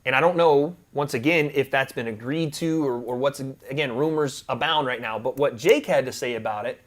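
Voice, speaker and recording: A man co-hosting a casual sports debate podcast, animated and joking as he trades banter with his partner. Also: mid-range voice. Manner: animated, joking, fast back-and-forth banter. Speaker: podcast co-host. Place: temporary room away from home.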